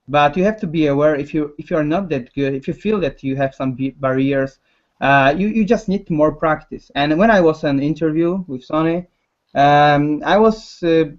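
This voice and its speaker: A Polish-accented concept artist chats casually in English, his second language, halting and frequently restarting his words. His voice is on the high side, and the recording's highs are cut off.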